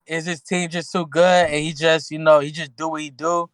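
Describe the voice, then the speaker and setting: A man's voice: fairly high pitch, flat delivery, normal speed, fairly bright tone, clean tone, no echo. A man co-hosting a sports podcast in loose, slangy casual talk, often restarting his sentences. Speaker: podcast co-host.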